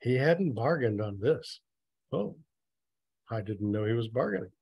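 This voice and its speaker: A man's voice: medium pitch, big pitch swings, a little slow, vocal fry, a little mellow, breathy edge, dry recording. A man reading a story aloud and mocking it with sarcastic, nitpicking asides. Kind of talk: sarcastic dramatic reading with commentary.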